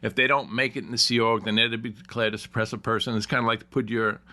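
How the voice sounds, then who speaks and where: A man's voice: mid-range voice, steady tone, fast, sharp tone. A middle-aged man telling his side of the story casually and emphatically, laughing mid-sentence. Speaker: guest co-speaker.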